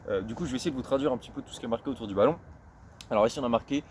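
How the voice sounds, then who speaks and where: A man talks through a topic in an easy vlog manner, pausing often and repeating words as he looks for the right phrasing. His voice sits at an ordinary middle pitch, and he handles English phrases with slow, self-conscious care. A faint noise hums behind him. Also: lively intonation, a little mellow. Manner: hesitant and searching for words, often repeating himself. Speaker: street football vlogger. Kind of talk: casual explanatory vlog.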